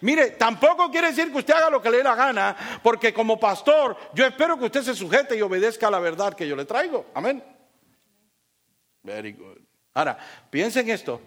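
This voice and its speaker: A man preaching a sermon as pastor, animated and joking as he tells personal stories to his congregation. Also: extremely high pitch, normal speed.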